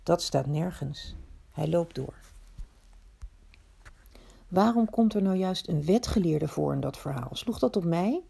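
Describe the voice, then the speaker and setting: A woman's voice: fairly low pitch, animated, a little slow, creaky, long pauses, dark tone, slightly rough. A woman telling a story in the first person, in a reflective, confiding way that often asks itself questions.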